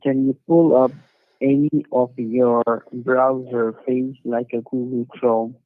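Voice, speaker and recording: A man's voice: medium pitch, little pitch movement, slow pace, no room sound. Phone scammer guy, tinny dry line, keeps repeating himself. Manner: scripted, repeats questions insistently. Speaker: scam caller posing as tech support. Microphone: phone call.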